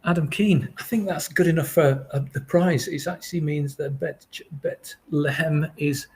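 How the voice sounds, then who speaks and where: A man hosting a webinar casually, halting and friendly with many fillers. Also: a little high, fairly even intonation, a little mellow, husky. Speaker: webinar host.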